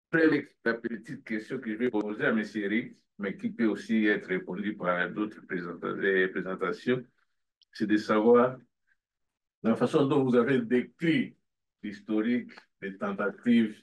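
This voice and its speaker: A man, asking a panel a long question in an earnest, halting way. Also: fairly low pitch, lo-fi sound. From Democratic Republic of the Congo. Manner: halting, restarts often, earnest. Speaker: audience member asking a question. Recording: from far off in a room.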